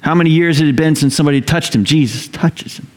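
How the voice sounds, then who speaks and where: A man preaching a sermon, telling the story in a conversational, animated way, rising loud and high when excited and dropping low and quiet to reflect. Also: fast talker. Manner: conversational fillers and repeated phrases. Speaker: pastor.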